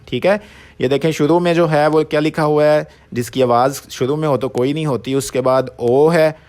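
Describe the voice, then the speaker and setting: A man teaching a vocabulary lesson, asking questions and answering them himself, sounding out each word slowly and repeating it. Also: a little high, a little mellow. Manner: repeats words slowly, asks and answers his own questions. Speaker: language teacher.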